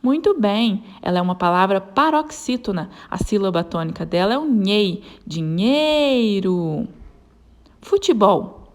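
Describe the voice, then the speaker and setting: Woman, teacher narrating a lesson, animated intonation, clear deliberate delivery. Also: mid-range voice. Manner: clear, slow stretched syllables when sounding out example words.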